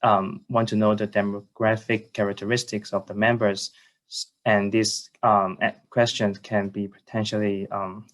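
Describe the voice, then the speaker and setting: A man presents formally on a video call as a student. His low voice stays very even, and he speaks in a polite, careful way, often hesitating and repeating words. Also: normal speed.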